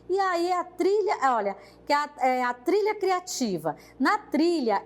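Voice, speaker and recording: A woman training teachers, explaining a classroom activity and speaking directly to the teacher in an unhurried way. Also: high-pitched.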